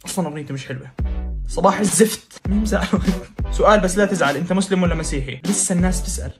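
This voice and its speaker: A man performing short comedy sketches, playful and bantering, at times soft-spoken. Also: high-pitched, racing. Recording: music playing behind the voice.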